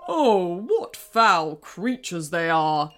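Hot-tempered bread king, played by a woman narrator, bellowing and sneering in a storybook tale, soft music behind. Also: high-pitched, huge pitch swings, takes it slowly, voice pushed up, full character voice. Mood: indignant. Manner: bellowing, spitting insults.

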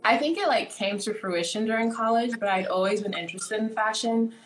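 A woman in her twenties, born in Nigeria and raised in the US, chats casually as an interview guest and says "like" a lot. Her voice is a little high and fairly quick, captured in an echoey room with poor audio.

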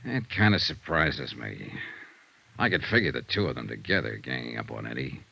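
A man's voice: very deep voice, very animated, moderate pace, vocal fry, bright, forceful tone, slightly rough, heavily acted. An actor playing a hard-boiled male investigator who narrates and talks in a terse, matter-of-fact way, in a 1950s radio drama. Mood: steady. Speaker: narrator and detective. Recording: muffled old radio broadcast with music.

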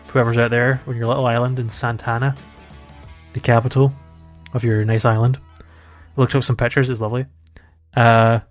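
A man co-hosts a casual gaming podcast, chatting and rambling and laughing easily. His voice sits at medium pitch, and the recording has no echo.

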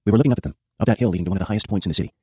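Male audiobook narrator, low mellow husky voice, very fast memoir read. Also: dry recording. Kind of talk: scripted first-person memoir narration.

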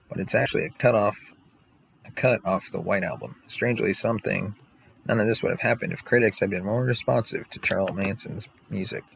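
A man's voice: lowish voice, creaky, a little hiss or hum, low-quality recording. A man hosting a scripted top ten countdown, announcing entries and recounting facts about each one. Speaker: host presenting a countdown list.

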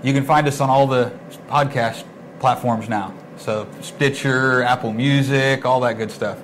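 A man's voice: medium pitch, fairly even intonation, measured pace, a little hiss or hum. A man co-hosting a show, talking casually and unscripted to his listeners and friends. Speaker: co-host of a cannabis show.

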